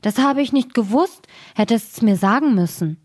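A woman voicing a silly, cheerful young wife in a fairy tale, in a bright, naive, singsong way. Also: a little high, expressive, normal speed, slightly rough, pitched above the performer's own voice.

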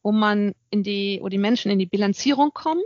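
Speaking a little fast in a mid-range, slightly mellow voice, a middle-aged author and consultant reflects thoughtfully in an interview, often hesitating. The audio is lo-fi, without echo.

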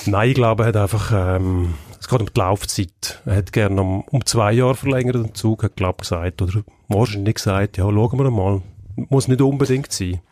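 A man's voice: fairly low pitch, normal speed, a little mellow, no echo. A man with a Swiss German accent giving blunt, scornful opinions on hockey in a casual chat. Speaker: hockey pundit.

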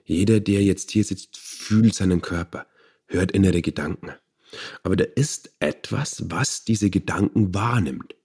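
Male meditation teacher being interviewed, low, dark and husky voice, calm and searching for words. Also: unhurried. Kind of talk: interview conversation.

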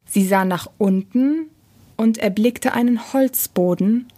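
Slow, calm woman reading a children's story. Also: on the high side. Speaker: narrator.

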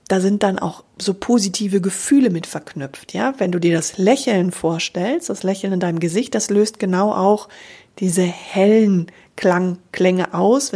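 A woman giving a calm, explanatory voice lesson and speaking directly to the listener. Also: fairly low pitch, breathy edge. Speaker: voice coach. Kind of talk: spoken voice lesson.

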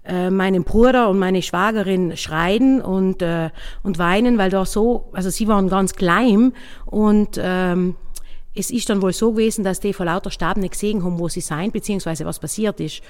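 A woman innkeeper with a South Tyrolean German accent, telling her own story in a halting, casual way, often searching for words. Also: medium pitch, a little mellow, in a large hall. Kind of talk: personal account, casual spoken.

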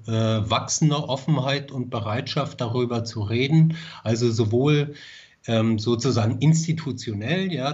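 A screenwriter answers interview questions, hesitating often and using many fillers as he thinks. His slightly rough voice is of middling pitch, and the recording sounds dull and lo-fi.

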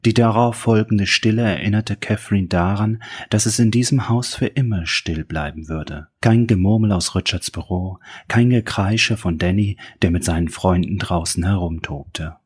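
A man reading an audiobook in a calm, even scripted narration. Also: fairly low pitch, moderate pace, hardly any pauses, husky.

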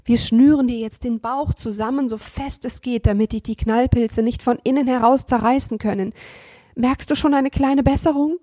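A woman voicing a clever, cheeky puppet boy from a storybook. He talks briskly, coaxing and bossing, in a somewhat high voice, recorded dry and close. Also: steady tone, dark tone, no echo, natural voice. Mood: coaxing, sly.

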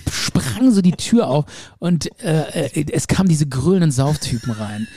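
A man with a slightly high, dark and husky voice chats casually, recounting a dream in a lively way. He slips into the voices of the people in his story. The sound is dry and close, with no room around it. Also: unhurried, no echo. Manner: lively storyteller who acts out quoted speech. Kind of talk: casual chat, retelling a dream.

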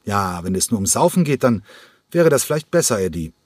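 A man's voice: on the low side, very animated, fairly quick, a little mellow, no echo, studio quality, voice pushed up. A man voicing a fed-up tavern owner who speaks in a stern, exasperated way. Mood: irritated.

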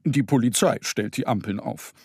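A man's voice: mid-range voice, normal speed, a little mellow, slightly rough, no room sound, studio quality. A man voicing a clever, sleepy female owl in a children's story, explaining things patiently. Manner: grumpy then explaining patiently.

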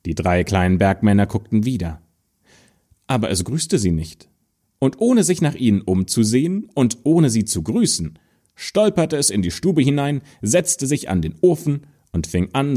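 A man reading an old fairy tale aloud in a storytelling style. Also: fairly low pitch. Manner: slow, lively storytelling, raising his voice for quoted figures.

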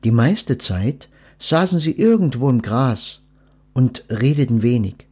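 A man hosts a podcast, reading a story aloud and then reflecting in a gently instructive way. His voice is husky and slow. His pitch moves in a lively way.

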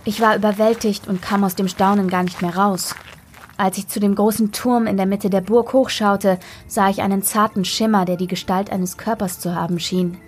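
A woman narrating a children's story in the first person, expressive and lively. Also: mid-range voice, normal speed. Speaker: audiobook reader. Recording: soft background music.

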